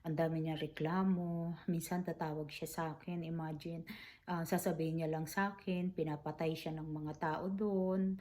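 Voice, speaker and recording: A middle-aged woman recalling caring for her late mother, speaking softly and haltingly, mixing in English phrases. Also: deep voice, level tone. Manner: soft, halting, with many fillers; mixes Tagalog with English phrases. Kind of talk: personal storytelling vlog.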